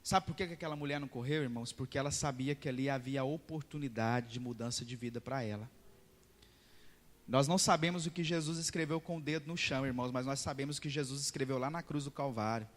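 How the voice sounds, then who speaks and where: A man's voice: mid-range voice, fairly even intonation, fast talker. A pastor preaching a sermon. He tells stories emphatically and keeps calling out to the congregation. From central Brazil. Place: large church hall. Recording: long reverb in a church hall.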